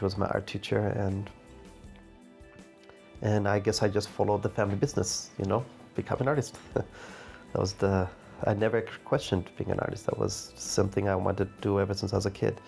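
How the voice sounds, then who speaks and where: A man from Zimbabwe, an artist and teacher, reflects in a documentary interview. His voice sits low with a gravelly edge, and he gropes thoughtfully for his words. Faint music plays behind him. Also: darkish tone.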